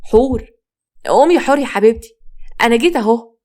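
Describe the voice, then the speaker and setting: A woman with an Egyptian accent voicing a young mother who pleads and cries out in grief, her voice pitched higher than her narration. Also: animated, quick pace, a little mellow. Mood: frantic grief. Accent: Egyptian Arabic. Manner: pleading, rising to a frantic cry.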